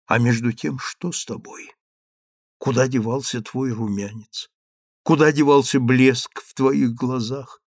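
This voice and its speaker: A man's voice: mid-range voice, no echo, studio quality. A man voicing a stern grieving mother. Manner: stern and insistent. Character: stern grieving mother, commanding then pleading.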